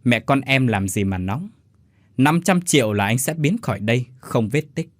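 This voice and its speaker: A man voicing a scheming young gigolo who sneers and blackmails with mocking calm. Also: medium pitch, normal speed, no echo, close to an everyday voice. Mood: smug.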